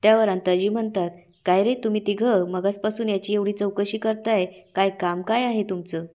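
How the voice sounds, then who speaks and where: A woman narrating a recap of a TV serial episode, reading the characters' lines aloud with lively emphasis. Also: mid-range voice, moderate pace. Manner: reads quoted dialogue with lively emphasis. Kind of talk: storytelling recap with voiced quotes.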